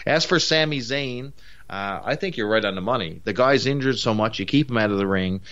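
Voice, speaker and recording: A man from Newfoundland with a Newfoundland accent co-hosts a podcast, chatting casually in an opinionated, rambling way full of fillers. His mid-range voice is expressive, a bit bright and a little fast, and the lo-fi audio is muffled.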